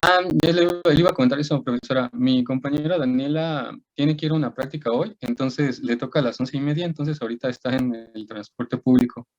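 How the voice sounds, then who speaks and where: A young man answers his teacher politely and a bit hesitantly during an online class. His mid-pitched voice comes through dull, lo-fi video call audio. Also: brisk, few pauses. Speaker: student.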